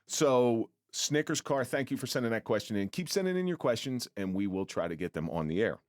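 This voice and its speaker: A man's voice: medium pitch, big pitch swings, a little fast, no echo, clean studio sound. A middle-aged man hosting a podcast interview, chatty and given to restarting his sentences. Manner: talkative, repeats words when starting a thought. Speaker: podcast host. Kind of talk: casual interview chat.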